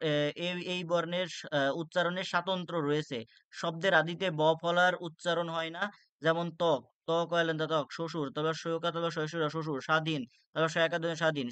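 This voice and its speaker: A man's voice: fairly high pitch, fairly bright tone, smooth, dry recording. A young man tutoring for an exam, reading rules aloud with many "ah" fillers and restarts. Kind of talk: exam-prep lecture.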